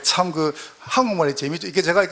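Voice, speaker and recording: A man's voice: on the high side, brisk, noisy background. A man with a Gyeongsang accent, a pastor giving a folksy, joking lecture at a training session. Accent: Gyeongsang dialect.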